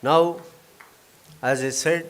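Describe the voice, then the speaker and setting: A man's voice: on the high side, fairly even intonation, slow. A man with an Indian accent making courteous, effusive announcements as master of ceremonies. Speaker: event host, master of ceremonies. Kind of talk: formal event announcements with informal asides. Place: auditorium at a convention. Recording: live hall PA, faint background ambience.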